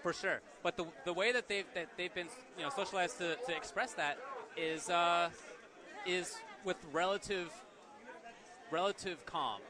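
A young man co-hosting a casual chat, animated and laughing often, with lots of fillers. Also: high voice, moderate pace, crowd noise. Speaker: co-host.

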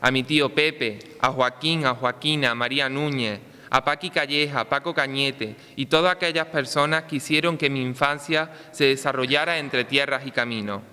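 A young man reading a ceremonial festival proclamation aloud in a measured, declaimed way. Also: medium pitch, steady tone, sharp tone, clean tone. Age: young adult. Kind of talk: read-out ceremonial speech with recited verse. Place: large ornate church, indoors. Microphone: microphone on a stand. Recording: long church reverb.

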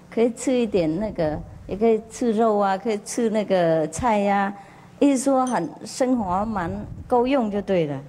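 A woman's voice: mid-range voice, mellow. A spiritual teacher, a woman, tells a parable to a gathering in a chatty, laughing manner with many fillers, often questioning her listeners. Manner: questions the audience directly. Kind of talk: storytelling sermon to a gathering. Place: group meditation gathering.

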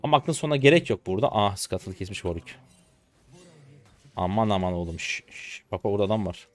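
A hoarse man in his twenties giving slangy live commentary to viewers while he plays a game. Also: lowish voice, lively intonation. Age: 20s. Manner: rapid slangy chatter to viewers. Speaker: gaming streamer.

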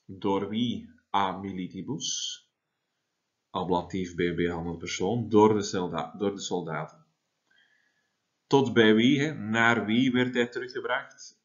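A man's voice: lowish voice, fairly even intonation, measured pace, muffled recording. A man, teaching a Latin translation lesson and explaining step by step with frequent tag questions. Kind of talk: classroom lesson.

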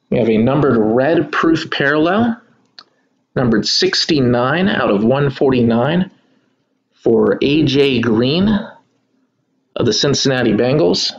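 A man with a mid-range voice hosts a live card break of sports cards, opening boxes at his kitchen table indoors and chatting easily with viewers he calls y'all. The audio is dull.

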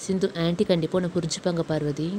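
A woman voicing Sindhu, a young woman who gently consoles her sister-in-law. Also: fairly low pitch, steady tone, fast, slight background noise, lightly acted. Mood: consoling.

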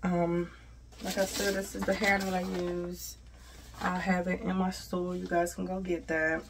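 Female American vlog host, 30s, slightly low pitch, casual how-to delivery, a little off-mic. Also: level tone, a little slow, background noise. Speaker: hair tutorial host. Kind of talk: casual instructional chat. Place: small home bathroom, indoors. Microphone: camera a short distance away. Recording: voice distant from the mic.

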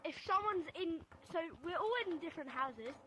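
A player from England eagerly explaining a VR game's rules in casual chat. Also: female voice, very high voice, animated, moderate pace, bright, forceful tone, a little hiss or hum, poor audio. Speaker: player in the game lobby. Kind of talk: excited game chatter.

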